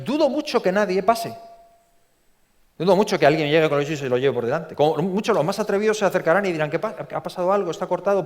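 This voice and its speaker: Animated preacher from in a big hall. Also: male voice, on the high side. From Spain. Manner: animated, repeats words, acts out quotes in a story. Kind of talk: sermon. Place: large church. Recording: long reverb from a church hall.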